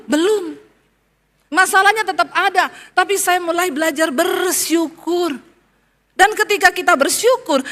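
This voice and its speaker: A middle-aged woman pastor delivers a heartfelt sermon in a high voice. She mixes personal testimony with fervent preaching, dropping to a soft murmur and then rising to a loud plea.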